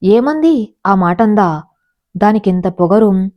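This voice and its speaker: A woman voicing a stern middle-aged father who speaks gravely and directly, in a storybook reading. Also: medium pitch, animated, takes it slowly, lo-fi sound. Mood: angry.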